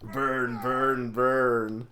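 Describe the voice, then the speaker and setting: A man's voice: mid-range voice, flat delivery, extremely slow, bright, forceful tone, slight background noise. Man doing a blustering fire henchman meathead. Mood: eager, aggressive. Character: dim, hot-headed male fire henchman, eager to burn.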